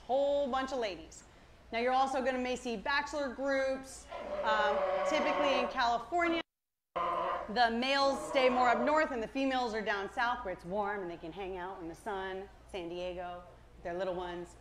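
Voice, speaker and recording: A woman's voice: on the high side, fairly bright tone. A cheery, enthusiastic woman working as a zookeeper, giving an educational talk to a live audience over a microphone. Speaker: zoo animal keeper and presenter. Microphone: worn or held presenter microphone. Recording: clear ambient noise behind voice.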